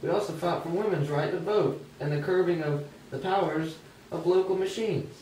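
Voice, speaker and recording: In an amateur puppet show, a man voices a disgruntled 19th-century American working man who is sceptical of politics. His voice sits on the high side with a dark tone, natural and earnest, at a moderate pace. The room is echoey, with a distant mic and faint noise.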